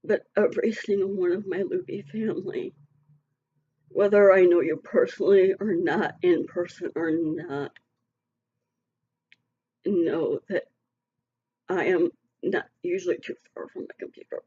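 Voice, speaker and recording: Middle-aged woman vlogger, husky and mellow with a slightly high voice, emotional and earnest, dull lo-fi home recording. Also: fairly even intonation, measured pace, long pauses. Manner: emotional, earnest, rambling with fillers. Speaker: vlogger addressing her online community. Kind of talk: casual heartfelt vlog talk.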